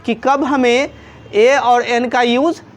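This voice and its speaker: Female teacher, slightly high voice, patient repetitive classroom explaining, on words. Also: fairly even intonation, slow. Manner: repeats points, asks rhetorical questions. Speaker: English teacher. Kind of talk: Hindi grammar lesson at a board.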